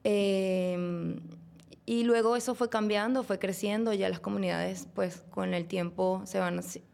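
A guest from Venezuela, a woman with a mid-range, gravelly, darkish voice, shares her own faith story as a casual personal testimony. Her tone is steady and her pace measured, though she speaks hesitantly with many fillers.

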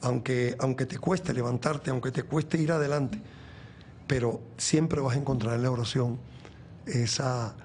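A man's voice: medium pitch, fairly even intonation, unhurried, a little mellow, slight background noise. Earnest Venezuelan man in his sixties. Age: 60s. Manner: earnest, rambling, many restarts. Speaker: guest. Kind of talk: reflective faith talk in an interview.

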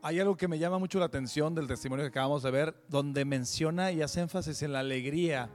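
Fervent man hosting, bright pitch. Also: fast, faint music behind. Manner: fervent, preachy, addresses viewers directly. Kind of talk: earnest spoken commentary.

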